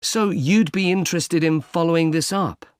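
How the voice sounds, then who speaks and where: A man playing a polite employment agency consultant in a scripted exam dialogue, speaking in a measured way and spelling words out slowly. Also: fairly high pitch, dry recording, clean studio sound, natural voice. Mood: calm. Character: helpful male recruitment agent, patient and polite.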